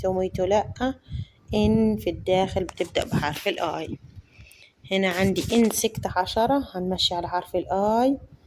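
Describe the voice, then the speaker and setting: A woman with an Egyptian Arabic accent teaching children English from a workbook. She moves quickly through Arabic explanations and slows down to model and spell English words. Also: mid-range voice, a little mellow, a little hiss or hum. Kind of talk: workbook lesson walkthrough.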